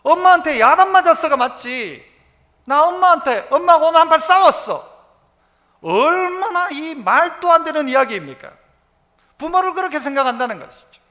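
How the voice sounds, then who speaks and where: A man preaching a sermon as pastor in a church, animated and acting out quoted dialogue. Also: very high voice, moderate pace. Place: church sanctuary. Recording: reverberant church sanctuary.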